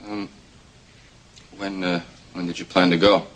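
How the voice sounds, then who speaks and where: Deep-voiced sarcastic young man. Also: little pitch movement, a bit bright, a little hiss or hum, poor audio. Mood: wry, concerned. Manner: dry, sarcastic, halting with fillers. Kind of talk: 1980s television soap opera acting.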